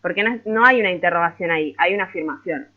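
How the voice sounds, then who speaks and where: A man's voice: high voice, fast. A man teaching an online grammar workshop, explaining step by step with frequent hesitant filler sounds. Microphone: video call. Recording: tinny phone-like video call audio.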